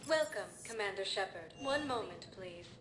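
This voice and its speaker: An actress voicing a calm female station computer that gives polite, formal automated announcements in a video game. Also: mid-range voice, moderate pace. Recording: echoey game audio with ambient noise.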